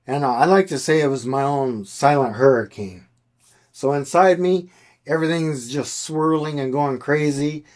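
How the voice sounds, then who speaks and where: Man, podcast guest, earnest testimony, animated storytelling, mid-pitched voice.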